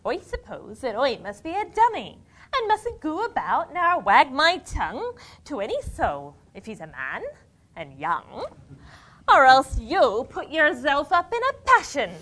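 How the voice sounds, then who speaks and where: A woman's voice: high voice, fairly bright tone, heavily acted. A woman playing a teasing young girl, reciting a dialect verse dialogue with a playful, scolding manner. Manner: playful, scolding, quick to laugh. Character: young country girl sweetheart, pert and teasing.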